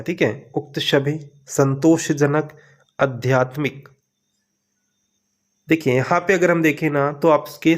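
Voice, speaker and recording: Speaking a little high, a man works through questions in an exam prep lesson, coaching steadily and repetitively with frequent check-ins.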